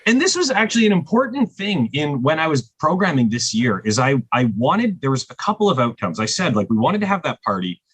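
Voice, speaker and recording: A man who programs a music festival, chatting on a podcast and telling excited stories with animated quoted dialogue. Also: fairly high pitch, brisk, hardly any pauses, husky, dry recording. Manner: excited storyteller, lively acted-out quotes. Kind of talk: casual podcast conversation.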